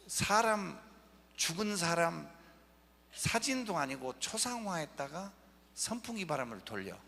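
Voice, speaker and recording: A man giving an animated lecture over slides, joking with the audience. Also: fairly high pitch. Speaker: guest lecturer. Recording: echoey lecture hall.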